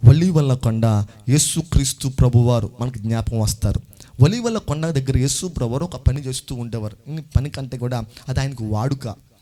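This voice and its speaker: A man preaching a sermon as pastor, repeating phrases and building to loud exclamations as he calls on the congregation to answer back. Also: mid-range voice, normal speed. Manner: call-and-response preaching, urging the congregation to answer louder.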